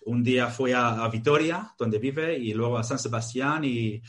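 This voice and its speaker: A man in his forties from Australia, a native English speaker, talking as a guest in a casual interview and pausing to search for Spanish words. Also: mid-range voice, a bit bright.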